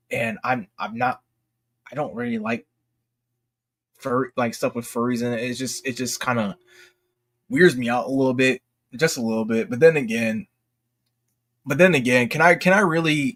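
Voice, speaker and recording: A livestream host with a medium-pitched, slightly bright voice runs a casual stream. He talks in informal slang, jokes at his own expense, and often repeats himself as he goes.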